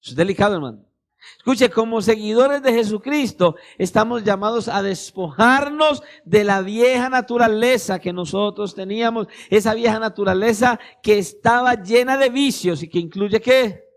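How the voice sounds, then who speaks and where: A man preaching a sermon as pastor, emphatic and speaking straight to his listeners. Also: high-pitched. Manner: emphatic, addresses listeners directly, acts out little dialogues.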